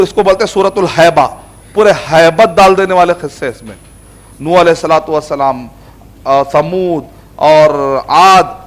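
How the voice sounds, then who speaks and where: High-voiced man giving a casual religious lecture. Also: a bit bright. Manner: conversational, repeats phrases, mixes English words. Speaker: Islamic scholar teaching Quran themes.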